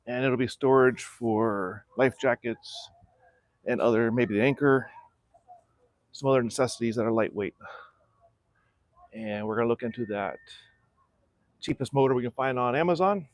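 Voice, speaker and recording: A middle-aged man from South Florida, hosting a casual livestream from his backyard and explaining, in a relaxed and practical way, how he is restoring a small boat. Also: mid-range voice, moderate pace, long pauses, no echo. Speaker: channel host restoring a boat. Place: backyard outdoors.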